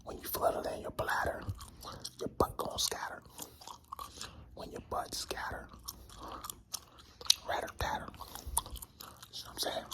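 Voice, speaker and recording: A man's voice: a little slow, long pauses. A man whispering a rambling, slangy, informal ASMR talk while chewing gum, with mouth sounds. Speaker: ASMR creator.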